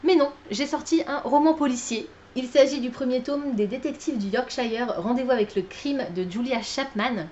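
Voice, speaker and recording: Woman book vlogger, tired and chatty, pitched a bit high, slightly dull recording. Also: normal speed, hardly any pauses, darkish tone, a little hiss or hum. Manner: chatty, many fillers and self-corrections. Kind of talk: casual chat.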